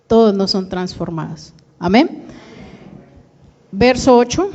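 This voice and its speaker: A woman's voice: mid-range voice, dark tone, lo-fi sound. A woman with a Colombian Spanish accent preaching a sermon, asking the congregation questions and calling them to answer. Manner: calls out to the congregation, asks questions. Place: church hall. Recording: long church reverb.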